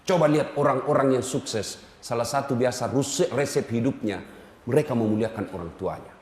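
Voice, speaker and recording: A male preacher giving a humorous sermon in an animated, teasing way, speaking directly to his audience in a large hall. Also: mid-range voice, a little fast. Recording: echoey hall.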